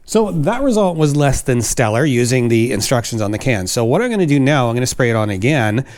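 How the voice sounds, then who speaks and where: Chatty Canadian man in a garage. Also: fairly quick. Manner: chatty and self-mocking, lively swings in pitch. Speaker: host. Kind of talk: casual how-to vlog.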